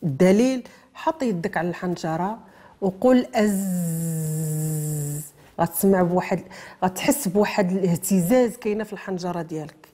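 Quick-paced, fairly low, warm and slightly rough, the voice belongs to a Moroccan-accented tajweed teacher. She explains a letter's pronunciation step by step, answers the questions she asks, and blends formal vocabulary with everyday talk.

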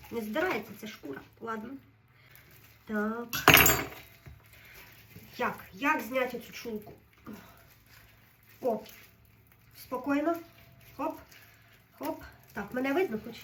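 High-voiced woman fretting through cooking. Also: slow, pauses often, recorded from a distance, a little hiss or hum. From Ukraine. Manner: fretful, keeps telling herself to stay calm. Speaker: home cook vlogger. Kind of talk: casual running commentary while cooking.

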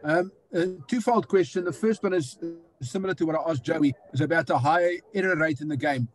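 A man working as a reporter, asking a coach questions in a halting, hesitant way. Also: on the high side, soft background music. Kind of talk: press conference question.

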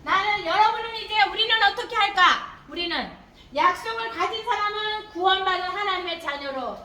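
A very high, bright-voiced older woman teaches children in a lively Sunday school sermon, slipping into little acted-out voices of the kids. Her voice rings through an echoey church room, caught from some way off the mic. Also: normal speed, distant mic, slight background noise. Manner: lively, acts out children's lines. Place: church hall.

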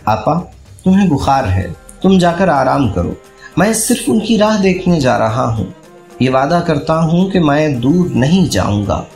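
A man's voice: fairly high pitch, sing-song, measured pace, creaky, darkish tone, exaggerated voice. A man voicing a composed young warrior who speaks steadily and reassuringly, in an echoey room with faint music. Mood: steady.

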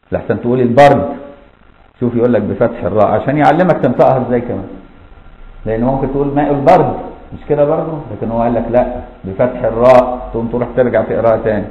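A man's voice: medium pitch, echoey room, highs cut off. A man with an Egyptian accent teaching a lesson on a classic legal text, explaining step by step and asking his students rhetorical questions. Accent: Egyptian Arabic. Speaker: Islamic law teacher.

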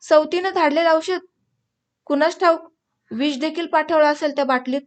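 A woman's voice: high voice, moderate pace, voice pushed up, lightly acted. A woman voicing a kept woman of the house who speaks with curt, contemptuous commands. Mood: scornful.

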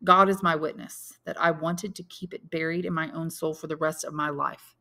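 Voicing a storybook's older Count, a woman speaks low, measured and firm, calm and resolute with an air of authority and solemn restraint.

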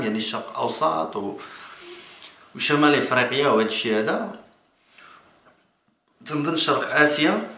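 Moroccan guy doing off-the-cuff political commentary, talks fast but keeps restarting, mid pitch, roomy echo. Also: a bit bright. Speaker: political vlogger. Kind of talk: spontaneous political commentary to camera. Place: small indoor room. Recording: echoey room.

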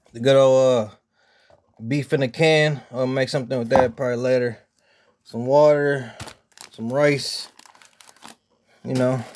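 A man chatting casually in a vlog, showing off his groceries in relaxed slang. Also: medium pitch, a little hiss or hum. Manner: laid-back slangy talk, showing off groceries. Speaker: vlogger.

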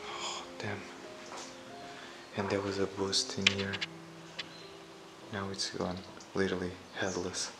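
A man quietly commenting as he explores a dark abandoned house, half-whispering at times, recorded on a handheld camera. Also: low voice, completely flat delivery, takes it slowly, pauses often, loud music behind the voice, rough recording. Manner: hushed, half-whispered remarks. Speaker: urban explorer.

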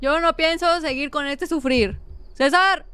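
High, bright-voiced Mexican woman streamer. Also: unhurried, clean tone, no echo. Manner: dramatic, panicky, shouting at the screen. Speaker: gaming streamer. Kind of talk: live gameplay commentary.

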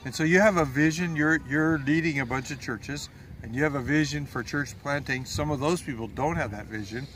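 A man's voice: fairly high pitch, fairly quick, a bit bright, slight background noise. A man in his sixties hosting an outdoor interview, asking questions in a friendly, prompting way. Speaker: host interviewer. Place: open hilltop outdoors.

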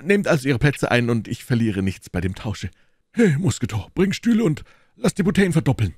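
A big, boastful musketeer with a hearty appetite, played by a man reading aloud. He speaks loudly with a raised pitch, cheerful and full of swagger, close and dry. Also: lively intonation, moderate pace, dry recording, close to an everyday voice. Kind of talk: audiobook character reading.

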